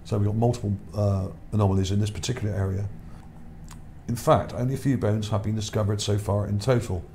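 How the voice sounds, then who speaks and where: This channel host's voice sits on the low side, mellow and steady in tone, moving fast though it's starting to wear out. He reads his article casually over images in a rambling way, repeating words and checking in with "okay?", with slight background noise.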